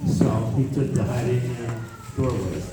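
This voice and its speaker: Older American grandpa reminiscing, distant and echoey. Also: male voice, medium pitch, normal speed, a loud crowd. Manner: rambling grandfatherly reminiscing with repeated phrases. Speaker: grandfather telling family history. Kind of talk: informal oral family storytelling. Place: echoey room, recorded from a distance. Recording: roomy, noisy, distant microphone, clicks.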